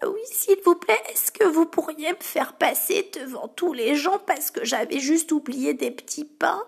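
A woman doing a voiceless little lady, very high. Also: lively intonation, a little slow, vocal fry, exaggerated voice. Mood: pleading. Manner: pleading. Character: little lady who has lost her voice.

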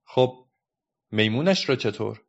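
A man voicing a cheeky, quick-witted little girl who talks playfully, in a dull lo-fi recording. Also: medium pitch, lively intonation, vocal fry.

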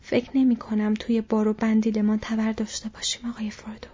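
A woman voicing a loyal, stubborn young male hobbit servant in an audiobook, breathy and earnest. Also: on the high side, flat delivery, dark tone. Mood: determined. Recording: dull lo-fi recording.

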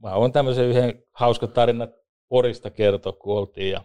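A man, an ice hockey referee and former league player, telling lively joking anecdotes in a casual interview. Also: mid-range voice, clean tone.

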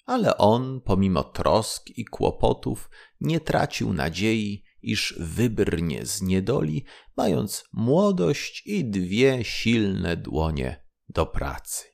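A man reads a fairy tale aloud as a bedtime story, slowly and soothingly. His voice is low and gravelly, and it moves up and down in a lively way. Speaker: narrator.

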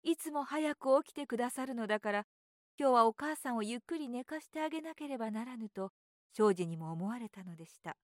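A woman narrating a children's story in a gentle, measured reading voice. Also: fairly high pitch, animated, dry recording, clean studio sound.

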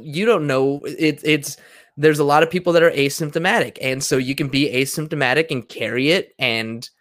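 A man's voice: mid-range voice, fairly bright tone. A man in a casual debate, talking earnestly and persuasively with many fillers. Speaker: conversation partner.

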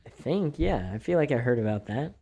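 Mellow-voiced man in casual chat. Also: mid-range voice, expressive, a little fast, creaky, breathy edge. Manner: joking, slips into a mock Southern drawl.

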